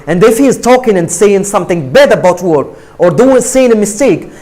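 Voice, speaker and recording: Speaking English to students, a man from Morocco delivers an emphatic, repetitive motivational talk, often checking in with "right?". His fairly high, darkish voice moves a little fast, with lively intonation and wide pitch swings.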